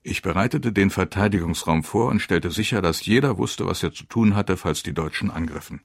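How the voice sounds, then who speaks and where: A man giving grave, measured first-person narration of a war memoir. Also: deep voice, creaky, no room sound, studio quality.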